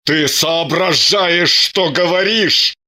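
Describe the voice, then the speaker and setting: A voice actor playing a gruff, indignant man. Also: on the high side, slow, pushed and bright, full character voice. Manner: gruff, scornful. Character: indignant, stubborn male detective. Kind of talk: dramatic audiobook reading.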